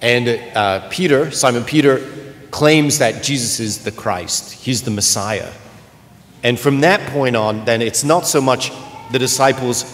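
In a big church, a male clergyman reads the gospel and preaches a homily in a medium-pitched, fairly bright voice, speaking a little slowly. He's earnest but often restarts while looking for words, and a long cathedral echo with faint room noise surrounds him.

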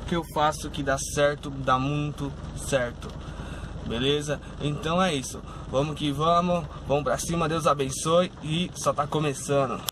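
A young adult man vlogs casually to camera while working as a rideshare driver, checking in with his viewers in an upbeat way from his car, day and night. His voice runs on the high side, with a steady tone and normal speed. A dashboard phone camera captures it, along with faint road and car noise.

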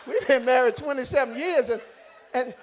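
A middle-aged man delivers a sermon as a guest preacher. His voice sits unusually high for a man, and he swings from ringing shouts to hushed, intimate lines. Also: normal speed, slight background noise. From Atlanta, Georgia, US.

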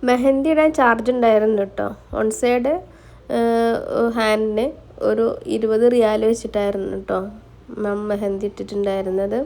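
A woman's voice: on the high side, level tone, moderate pace, a little mellow. A woman narrating a casual vlog, mixing English words into her Malayalam. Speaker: vlogger.

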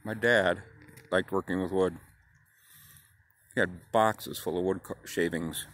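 A man in his fifties telling a childhood story in a plain, unhurried way, with a pipe in his mouth. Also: low-pitched, fairly even intonation, a bit bright. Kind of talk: casual personal storytelling.

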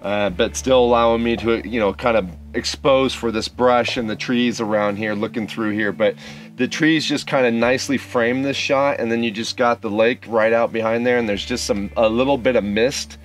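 A man in his thirties chatting casually outdoors by a lake, relaxed and rambling with plenty of fillers, recorded on a camera mic. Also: mid-range voice, normal speed, soft background music. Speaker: outdoor photography vlogger. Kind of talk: casual on-location vlog talk.

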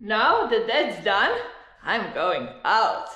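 A woman's voice: medium pitch, big pitch swings, takes it slowly, bright, forceful tone, slightly rough. A Slovenian woman, a native Slovene speaker, chattily talking herself through her chores in casual English self-narration, with frequent exclamations. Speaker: vlogger narrating her own home projects.

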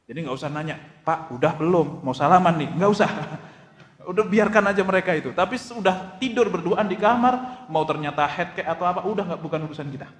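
A man's voice: high-pitched, lively intonation, fast talker. A man preaching to a congregation, telling jokey stories and acting out dialogue. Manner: addresses audience directly with questions. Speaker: Islamic preacher. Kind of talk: lively religious lecture to a congregation. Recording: echoey hall.

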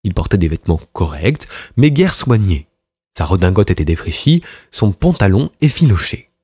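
Expressive male audiobook narrator. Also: low voice, breathy edge, no room sound, clean studio sound. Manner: measured, expressive storytelling. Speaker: audiobook reader. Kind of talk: scripted narration.

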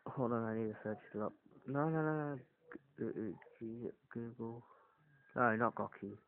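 A man's voice: mid-range voice, moderate pace. A young man vlogging while he fiddles with his device, nervous and shaky, swearing and repeating words in a panic. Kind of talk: panicked tech vlog commentary. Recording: tinny phone-quality recording with faint noise.

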